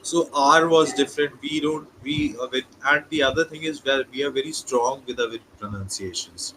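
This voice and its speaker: A man's voice: medium pitch, normal speed, sharp tone, slight background noise, low-quality recording. A man from India with an Indian English accent, hosting a casual interview and often saying "okay" and repeating words. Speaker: host.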